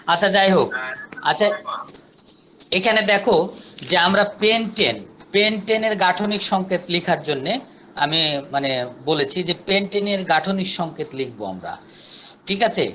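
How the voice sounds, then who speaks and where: A man's voice: high voice, fairly bright tone, slight background noise. A man teaching a chemistry class online, patient and repetitive, counting steps aloud.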